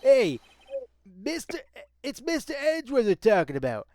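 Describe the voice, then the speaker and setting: Gumshoe, a player doing a gruff bumbling cop. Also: mid-range voice, huge pitch swings, normal speed, a little mellow, no room sound. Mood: chummy, loyal. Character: gruff bumbling male police detective. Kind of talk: reading game dialogue aloud with friends.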